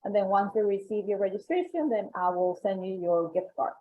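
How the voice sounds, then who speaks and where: Over tinny call audio with slight background noise, a woman pitches member benefits in a webinar. She's a membership coordinator with a Colombian accent, and her medium-pitched voice is lively and a little fast as she upbeatly repeats key selling points.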